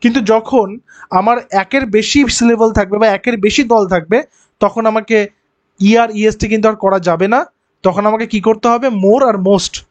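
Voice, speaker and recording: A man's voice: sits high, fairly even intonation, measured pace, no room sound, muffled recording. A male teacher giving an exam-prep grammar lesson, explaining step by step and asking rhetorical questions.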